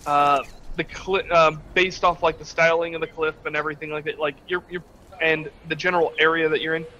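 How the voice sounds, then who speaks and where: Bright-voiced man running a tabletop game. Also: a little high, level tone, brisk, highs cut off, a little hiss or hum. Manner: rambling, hesitant, restarts with "like" and "okay, so". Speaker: game master.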